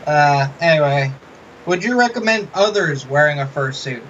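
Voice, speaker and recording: A man hosting an interview, asking questions in a soft, slightly mumbling, hesitant way from inside a fursuit head. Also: a little high, expressive, normal speed. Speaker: interviewer, channel host. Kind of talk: casual interview. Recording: muffled, dull audio with hiss.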